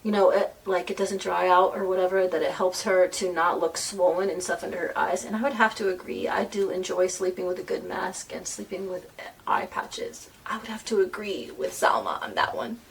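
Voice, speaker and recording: A woman's voice: lowish voice, normal speed, vocal fry. A chatty, self-deprecating woman talks her way through a makeup routine at home, wandering off on side comments. Her voice sits a little back from the microphone, and there is a faint hiss underneath. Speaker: beauty vlogger. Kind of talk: casual chat while doing makeup. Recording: voice a bit far from the mic, faint noise.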